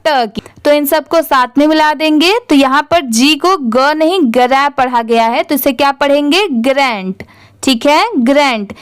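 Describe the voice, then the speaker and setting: A woman's voice: high-pitched, no echo. A woman teaching English reading as a lesson in Hindi, spelling out each word letter by letter, then asking how it is read and answering herself.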